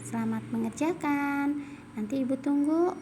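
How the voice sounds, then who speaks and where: A woman with a Sundanese accent, a primary school teacher giving a recorded lesson to young pupils, sounding out example words slowly and carefully, then adding quick asides. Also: high-pitched, noisy background.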